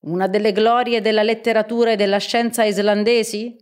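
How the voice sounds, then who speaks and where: A woman's voice: medium pitch, little pitch movement, fairly quick, smooth, pitched above the performer's own voice, natural voice. A woman voicing a courteous, learned male professor in a storybook reading, explaining politely.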